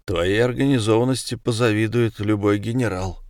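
A man's voice: lowish voice, moderate pace, a little mellow, no echo, studio quality, natural voice. A man voicing a guarded ex-marine prisoner who asks wary questions.

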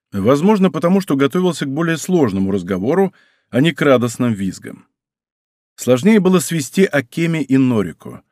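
A man narrating a first-person story as an audiobook, in an expressive, conversational way. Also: fairly high pitch, no echo, studio quality.

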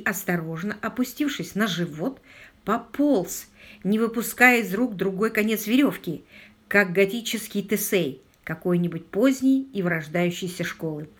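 A woman narrating a novel in a dramatic, expressive reading voice. Her pitch sits in the middle and rises with tension at the suspenseful moments. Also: moderate pace. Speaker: audiobook narrator. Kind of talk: audiobook reading.

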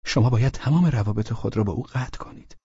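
Man reading a calm, earnest caring woman. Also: medium pitch, husky, no room sound, dull audio, voice pushed up.

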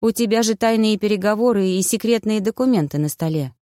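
A woman voicing a lively, playful young heroine who complains and exclaims in an audiobook. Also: mid-range voice, brisk, dry recording, clean studio sound, voice pushed up, lightly acted.

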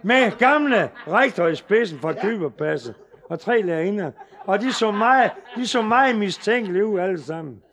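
High-voiced lively comic storyteller, male. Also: crowd noise.

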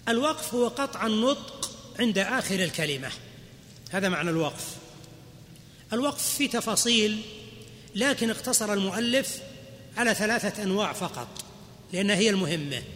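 Man teaching a class, clear bright tone, faint background noise, lecture in a hall. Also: high voice, expressive, fairly quick, long pauses. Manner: explains patiently, quizzes the class with questions. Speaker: sheikh teaching Arabic grammar.

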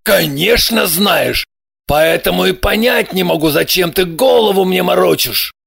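A woman doing a gravelly blustering male boss. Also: on the low side, lively intonation, crowd noise, full character voice. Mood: grumbling. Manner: slow, blustering. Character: flustered middle-aged male agent boss, quick-tempered. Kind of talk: audiobook character voice.

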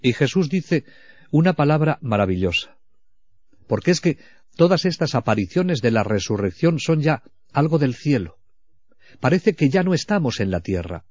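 A man giving a spiritual retreat talk as a preacher, reflective and slow, dropping into hushed tones at times. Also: medium pitch, big pitch swings, no echo. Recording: dull, lo-fi, dry recording.

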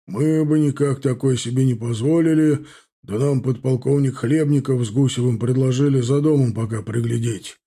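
A man voicing a devoted, humble veteran soldier in an audiobook, talking high and loud. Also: steady tone, normal speed, slightly rough. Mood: earnest, humble. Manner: shouting joyfully, then apologetic.

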